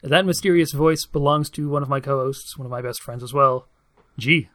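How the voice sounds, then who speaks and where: A man's voice: mid-range voice, normal speed, pushed and bright. A man hosting a podcast, chatting casually and joking with his co-hosts. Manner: playful, jokey banter. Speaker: podcast host.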